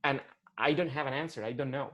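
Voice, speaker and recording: A man in his forties from Colombia with a Colombian Spanish accent, talking haltingly with many restarts as a client in a one-on-one coaching session over a video call. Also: mid-range voice, sharp tone, muffled recording. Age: 40s.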